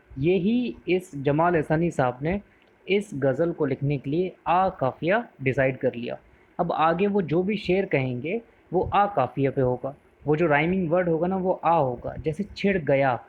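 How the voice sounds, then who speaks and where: A man teaching poetry in a patient lesson, repeating key words, asking the viewer questions and mixing in English terms. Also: on the high side. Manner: mixes English words into explanations. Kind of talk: explanatory lesson. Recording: narrow phone-like sound.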